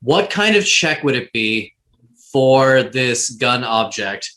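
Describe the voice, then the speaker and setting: A man's voice: medium pitch, big pitch swings, slow pace, sharp tone. Man casually chatting as tabletop player. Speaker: player in a tabletop role-playing game. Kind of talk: casual chat.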